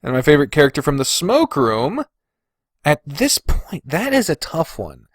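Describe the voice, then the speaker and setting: His voice sits a little high and swoops wildly in pitch, husky and delivered at normal speed. Alone on his podcast, this host muses casually through a ranking with informal, loose wording, captured in a dry, clean studio recording.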